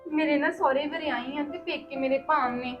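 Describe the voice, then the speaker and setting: A woman's voice: high voice, steady tone, moderate pace, muffled recording, soft background music, close to an everyday voice. Woman playing a tearful young beaten wife. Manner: pleading and tearful. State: crying. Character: young wife beaten by her in-laws, pleading. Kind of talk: village family drama acting.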